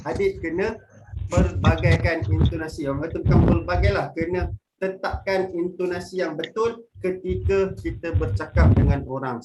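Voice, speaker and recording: A young man running an online workshop for primary pupils, talking in an upbeat, playful way and leading call-and-response drills. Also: sits high. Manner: upbeat and playful, calls himself big brother, leads call-and-response drills. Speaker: workshop facilitator for schoolchildren. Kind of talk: webinar talk to primary pupils. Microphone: online video call. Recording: noisy online webinar audio.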